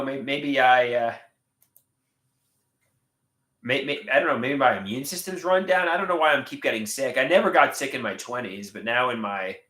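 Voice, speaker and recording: A stuffy-nosed man in his late thirties hosts a livestream, chatting casually and reading viewer comments aloud. His voice sits in the mid range with a fairly bright tone, and he keeps stopping, repeating words, and starting sentences over. The room echoes.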